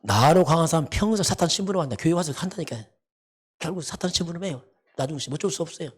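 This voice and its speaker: A man's voice: fairly high pitch, expressive, fast, breathy edge. A man preaching a sermon as pastor, emphatic and repetitive, often asking rhetorical questions. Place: church sanctuary.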